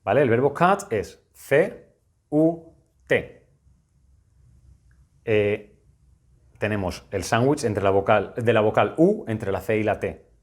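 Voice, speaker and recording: A man's voice: on the low side, animated, takes it slowly, long pauses. Young adult man, Spain accent, video-lesson grammar teacher. Patient, explanatory, repeats key points. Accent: Spain Spanish. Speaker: English teacher.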